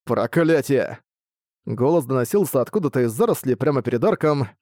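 Expressive male audiobook narrator. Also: medium pitch, fast talker, no room sound, studio quality.

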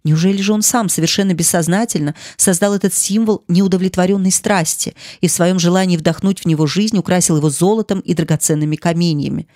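An audiobook narrator reading a classic novel in a measured, expressive way. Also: medium pitch, dry recording, clean studio sound.

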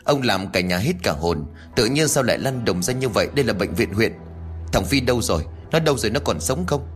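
Man doing an anxious grumbling old woman in a spooky tale, low voice, lively. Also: a little fast, faint music behind, close to an everyday voice. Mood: fretful. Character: worried older village woman, fretful.

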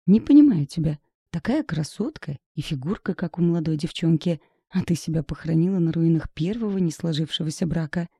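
A woman voicing a brash, tipsy middle-aged female friend in an audiobook, loud and whiny. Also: deep voice, expressive, fairly quick, husky, no echo, studio quality, full character voice. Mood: tipsy complaining. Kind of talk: audiobook character voice.

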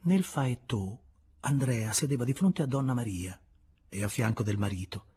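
Narrazione da audiolibro letterario: un lettore dalla voce maschile nella media, fortemente velata e soffiata. Legge con calma e cura, abbassando talvolta la voce in un sussurro. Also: male voice, mid-range voice, slightly rough. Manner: measured, expressive, sometimes dropping to a whisper. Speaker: audiobook reader.

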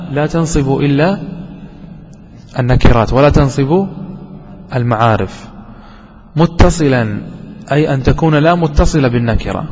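A man's voice: on the high side, darkish tone. A man, a sheikh, explaining a grammar lesson, asking questions and answering them himself and repeating key words. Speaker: sheikh teaching Arabic grammar. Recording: dull lo-fi recording with long hall reverb.

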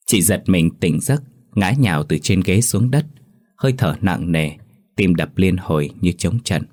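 A man narrating a ghost story as a storyteller in a steady, measured reading. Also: deep voice.

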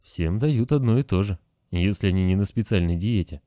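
A man voicing a tired, kindly older male caretaker who talks gently and patiently. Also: low-pitched, lively intonation, brisk, no room sound, clean studio sound. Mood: weary, gentle.

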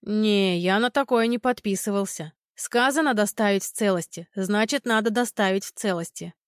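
A wary, blunt male henchman, voiced by a woman reading aloud. He speaks gruffly, with a growl behind his words. The recording is close and dry. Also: sits high, moderate pace, fairly bright tone, no echo.

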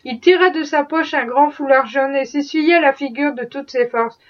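A woman reading a classic novel aloud in a steady, expressive way. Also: high-pitched, normal speed, dull audio. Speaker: audiobook reader.

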